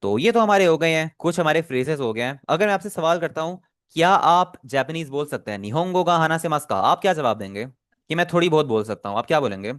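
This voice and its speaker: A man's voice sits a little higher than most men's and sounds dry and close to the mic. He teaches Japanese in an online class. He is patient, and he repeats each phrase slowly and carefully so the students can copy it. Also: expressive, fairly bright tone, no room sound.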